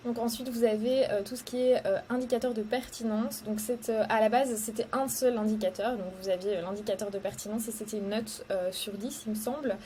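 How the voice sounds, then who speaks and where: Young Belgian woman, casual tutorial host, slightly high pitch, hesitant with fillers. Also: fairly even intonation, fairly quick, few pauses, warm tone, a little hiss or hum. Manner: hesitant, many fillers, explains step by step. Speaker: social media ads coach. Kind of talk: casual tutorial talk to camera.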